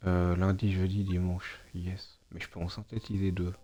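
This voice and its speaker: A man's voice: low-pitched, little pitch movement, normal speed, dark tone, lo-fi sound, faint music behind. A man streaming a video game, muttering to himself in a hesitant, casual way and chatting with his viewers. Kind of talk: casual gameplay live-stream commentary.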